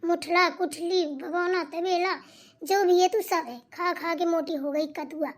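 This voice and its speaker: A scheming young daughter-in-law from a cartoon comedy plays sweet and worried, then gloats in sly asides, voiced by a woman. Her voice is very high and squeaky. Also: steady tone, measured pace. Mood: gloating.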